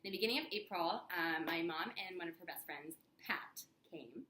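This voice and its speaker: A woman's voice: fairly low pitch, a little fast, slight background noise. A young adult woman co-hosting a casual vlog, telling stories with giggles and lots of fillers. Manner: giggly, animated storytelling with many fillers. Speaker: vlog co-host. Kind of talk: casual chat. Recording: echoey room.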